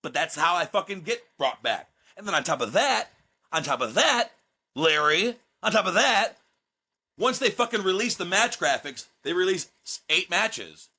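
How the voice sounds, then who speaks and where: Brash, cursing man, bright voice. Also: high voice, sing-song, moderate pace. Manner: brash, profane and boastful, with mocking put-on voices. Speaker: guest, pro wrestler. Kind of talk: casual podcast chat.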